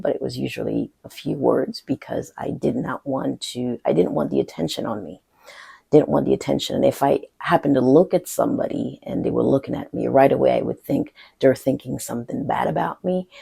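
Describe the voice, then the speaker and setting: A woman from the Caribbean, with French as her first language and an accent to match, gives a reflective personal teaching talk. Her voice is strongly gravelly, husky and mellow. She speaks earnestly, pausing often. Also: rumbling low. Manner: earnest, thoughtful, with pauses and fillers. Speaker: coach.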